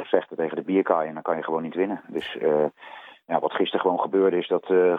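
A man speaking as a sports coach in an unscripted interview, colloquial and halting, often repeating words as he explains. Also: deep voice, no room sound, phone-quality sound. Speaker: volleyball coach. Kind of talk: radio interview, unscripted analysis.

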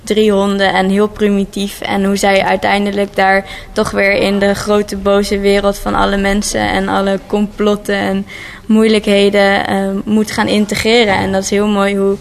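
A woman's voice: medium pitch, completely flat delivery, moderate pace, gravelly, slight background noise. A woman author speaking thoughtfully and hesitantly in an interview, then reading from her book.

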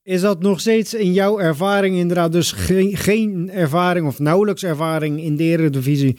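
Male radio sports interviewer, high pitch, mellow tone, conversational questioning. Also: normal speed, no room sound, clean studio sound.

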